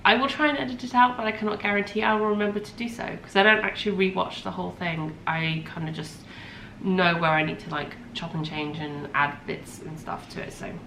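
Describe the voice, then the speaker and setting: With a fairly low, slightly bright voice, she talks briskly with vocal fry, fairly even intonation, and hardly a pause. She's a podcast host in her thirties, a bit stuffed up from a cold, rambling through casual chat with lots of ums and self-corrections. Faint ambient noise fills an echoey room.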